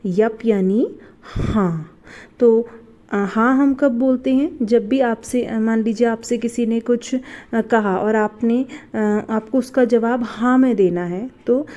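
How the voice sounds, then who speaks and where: A woman's voice: on the high side, slow pace, dark tone, lo-fi sound. A woman teaching a beginner English lesson, spelling out words, asking what they are read as and patiently repeating each answer. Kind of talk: step-by-step spelling and pronunciation lesson.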